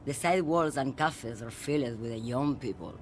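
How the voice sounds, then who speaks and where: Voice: medium pitch, moderate pace, a little hiss or hum, close to an everyday voice. An actor playing a nostalgic, defiant old woman truck driver in a video game, wistful and insistent. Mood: wistful, weary. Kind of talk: video game character acting.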